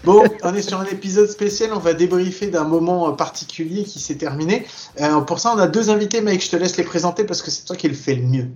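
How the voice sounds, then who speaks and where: A man hosting a casual podcast, upbeat and quick to laugh. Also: sits high, a little mellow, lo-fi sound, slight background noise. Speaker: podcast host.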